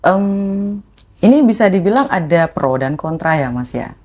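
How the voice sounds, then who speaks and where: A woman, a podcast guest telling a personal story in animated conversation. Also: a little slow. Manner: animated, acts out quoted voices with rising pitch.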